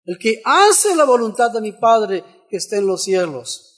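A man's voice: sits high, very animated, a little slow, a bit bright, husky. A man preaching a sermon in church, repeating phrases for emphasis and asking rhetorical questions.

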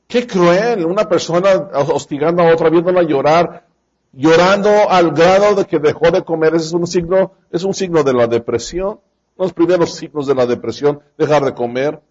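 A man's voice: a little high, normal speed, highs cut off. A man preaching a sermon, speaking straight to his congregation and acting out the lines he quotes. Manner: addresses the congregation directly.

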